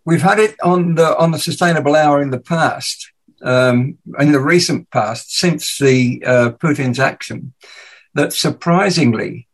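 A man's voice: a little high, unhurried, rough recording. English-Danish accented male host. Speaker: podcast host. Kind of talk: casual radio chat.

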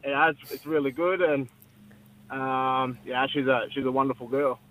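This young Brisbane man, a rugby league player with an Australian accent, chats casually as a radio show guest, relaxed and modest and full of fillers. His pitch is medium, his pace moderate, and the recording quality is low.

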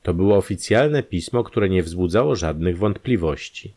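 A man narrates a crime story in a measured, scripted way. His voice sits very low yet moves in wide, lively melodic arcs.

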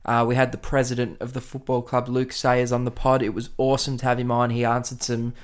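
An Australian man hosts a relaxed sports podcast in a mid-range voice. His delivery is colloquial and blokey, like easy chat between mates about football. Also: mid-range voice, a little fast, smooth. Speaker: podcast host.

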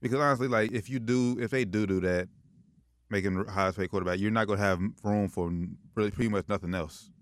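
A man's voice: fairly low pitch, fairly even intonation, fast talker, no echo, studio quality. A man hosting a sports talk show with casual, slangy banter, often repeating phrases for emphasis.

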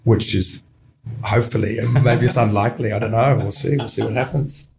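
A man's voice: lowish voice, fairly even intonation, a little fast, vocal fry, a crowd in the background, low-quality recording. A man interviewing casually, tentative and often repeating his phrases. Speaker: guest interviewer.

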